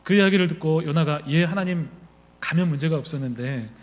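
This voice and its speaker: A man preaching a sermon as a pastor, telling a personal story and acting out his own thoughts. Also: on the high side. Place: church sanctuary. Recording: reverberant church hall.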